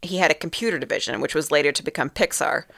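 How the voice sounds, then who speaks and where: Low-voiced woman reading quotes on a podcast. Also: fast, gravelly, fairly bright tone, no echo, clean studio sound. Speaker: podcast host. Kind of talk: casual chat, reading quotes aloud.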